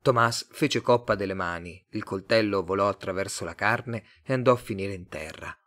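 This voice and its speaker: A man from Italy reading a short story aloud as an audiobook narrator, measured and expressive. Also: fairly low pitch. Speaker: audiobook reader. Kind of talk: scripted literary narration.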